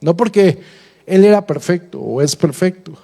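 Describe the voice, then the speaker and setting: A middle-aged male pastor preaches with a humorous, conversational touch, stacking rhetorical questions. His voice sits high for a man and rings with the long reverb of a large church hall. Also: expressive, normal speed, gravelly, warm tone. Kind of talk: sermon.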